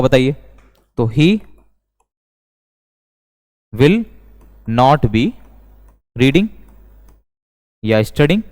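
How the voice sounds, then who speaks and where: Man, grammar teacher, smooth resonant voice, slow and repetitive, reverberant room. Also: a little high, darkish tone. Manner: slow, deliberate, repeats each sentence. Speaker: English teacher. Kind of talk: classroom grammar lesson. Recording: long reverb.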